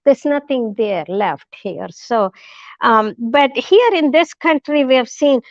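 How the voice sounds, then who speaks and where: A woman giving a talk as a guest speaker, telling a story in a halting way, with many restarts and fillers, and acting out the quoted lines. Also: high-pitched, lively intonation, no room sound, highs cut off. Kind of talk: storytelling lecture.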